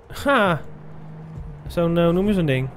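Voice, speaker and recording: A young man with a Dutch accent mutters his way through a game, his fairly high voice jumping about in pitch as he swears at every scare. Game music plays clearly underneath him. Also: lively intonation, unhurried. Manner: mutters to himself, swears often at sudden scares. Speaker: gamer streaming a playthrough. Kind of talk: live gameplay commentary.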